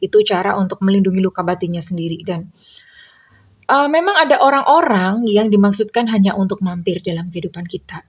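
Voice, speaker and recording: A woman giving a casual tarot reading to her viewers in a gentle, reassuring way, calling them dear and slipping in English phrases. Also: mid-range voice, breathy edge, lo-fi sound. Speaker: tarot reader.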